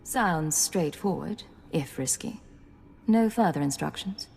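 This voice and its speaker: A woman's voice: deep voice, animated, slow pace, gravelly, a little mellow, slightly rough, exaggerated voice. A woman playing a cool, composed secret agent in a video game. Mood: cool, wry. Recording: reverberant hall, music behind.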